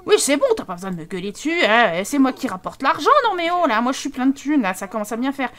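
A woman's voice: sits high, lively intonation, fast talker, a bit bright. A woman voicing a lazy, defensive young husband in a life-sim game, grumbling dismissively. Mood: annoyed.

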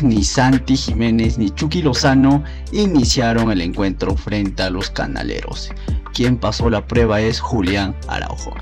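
A man's voice: mid-range voice, darkish tone. A man reading scripted narration as the narrator of a sports channel. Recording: music behind the voice. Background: background music.

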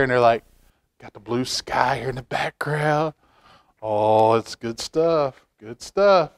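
In a library room, a middle-aged man sits at a table as the substitute storytime reader, animatedly reading a picture book to kids. He breaks off for folksy asides and repeats phrases to make his point. His pitch is fairly high.

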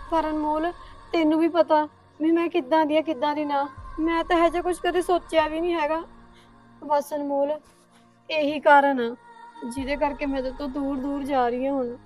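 A woman's voice: sits high, close to an everyday voice. A young woman in a short film playing a worried, earnest college student. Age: young adult.

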